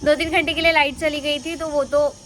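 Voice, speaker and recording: A young woman chatting fast in a casual home vlog, talking into a handheld phone. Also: sits high, flat delivery, fairly bright tone, slight background noise. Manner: chatty, mixes in English words. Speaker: vlogger. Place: at home, indoors and on a terrace.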